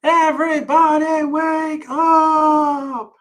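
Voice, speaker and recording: A man voicing a cheerful little girl who yells to wake everyone up, stretching out her high, loud call. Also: lively intonation, normal speed, far from the mic. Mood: yelling gleefully.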